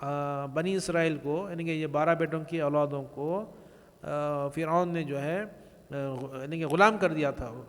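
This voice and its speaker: A man giving a religious lecture, explaining in a measured way with pauses and restarts and mixing English words into his speech. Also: fairly high pitch. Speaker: religious speaker. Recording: long reverberant echo.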